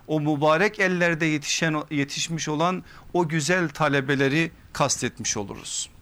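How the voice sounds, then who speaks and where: A man preaching from a pulpit microphone, giving an earnest, measured religious lesson that builds to emphatic repeated phrases. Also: on the high side, a bit bright. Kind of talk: sermon-style lecture. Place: pulpit in a mosque or lecture hall.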